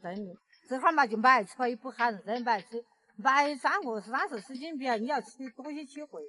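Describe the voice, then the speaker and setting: A woman's voice: high voice, brisk, bright, forceful tone. A woman of about seventy from rural Sichuan, chatting casually in Sichuan dialect with plain, colloquial short answers. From rural Sichuan, near the Guizhou border. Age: around 70. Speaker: villager being interviewed. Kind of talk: casual chat.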